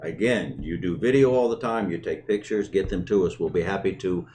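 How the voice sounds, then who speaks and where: A middle-aged man with a lowish voice presents a show off the cuff. He talks conversationally and repeats words to drive points home. Slight noise sits in the recording. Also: brisk, darkish tone. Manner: repeats words and phrases for emphasis. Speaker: host of a company community show.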